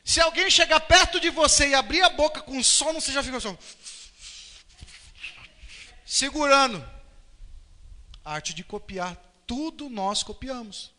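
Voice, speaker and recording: A high-pitched, bright-voiced Brazilian man preaching from the pulpit. He swings his voice widely, acting out little scenes and quotes. A long church reverb trails after his words. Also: normal speed. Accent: Brazilian Portuguese. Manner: animated, acts out quotes and voices. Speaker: pastor. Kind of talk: sermon. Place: church hall.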